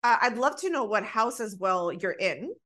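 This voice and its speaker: A woman hosting a casual podcast chat, with exuberant, excitable reactions. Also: mid-range voice, normal speed. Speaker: podcast host.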